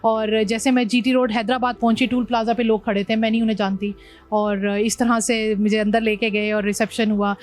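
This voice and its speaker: A woman from Pakistan talks through her long motorbike ride in an interview, her voice a touch high and her telling animated. She drops English words into her sentences. Soft music plays underneath. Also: brisk. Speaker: motorbike traveller, guest. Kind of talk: interview conversation.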